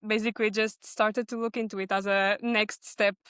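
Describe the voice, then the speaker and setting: A Portuguese woman in her twenties, with a Portuguese accent, recounts her own story conversationally as a podcast guest. Her mid-range voice is clear, resonant and a bit bright, delivered flatly at normal speed in a clean, dry studio recording.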